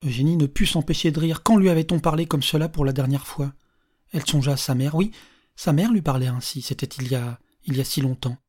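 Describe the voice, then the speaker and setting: A narrator reading a story aloud in a calm, measured audiobook style. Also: mid-range voice.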